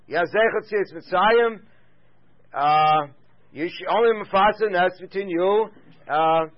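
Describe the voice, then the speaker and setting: A man's voice: high-pitched, dull audio. A man giving a Talmudic study lecture as a Torah teacher, laying out sources and then posing rhetorical questions.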